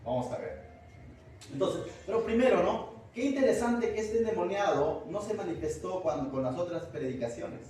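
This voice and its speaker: Pastor from Peru, high voice, chatty Bible teaching; captured far off in a booming church hall. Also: male voice, moderate pace, darkish tone. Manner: conversational, asks the congregation questions. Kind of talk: verse-by-verse Bible study sermon.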